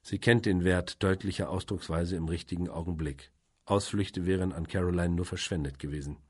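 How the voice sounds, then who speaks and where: A man narrating an audiobook in a calm, measured way. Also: deep voice, husky. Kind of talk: audiobook reading.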